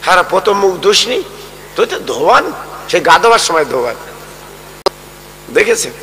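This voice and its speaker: A man preaching a sermon with storytelling, in a sing-song chant that rises into high wailing appeals. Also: sing-song, normal speed, pushed and bright, long reverb tail, a little hiss or hum, low-quality recording. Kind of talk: Bengali waz sermon with storytelling.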